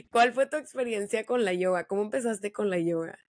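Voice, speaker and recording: A woman's voice: medium pitch, expressive, darkish tone, no room sound, clean studio sound. A young woman hosting a podcast, chatting casually with slang. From Monterrey, Mexico. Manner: chatty, slangy, quick storytelling. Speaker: podcast host.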